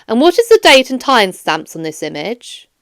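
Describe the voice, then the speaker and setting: For a children's audiobook, a woman voices a formal, firm police detective interrogating a suspect, probing in a measured, stern way. Her voice sits on the high side and sounds sing-song, in studio quality with no echo.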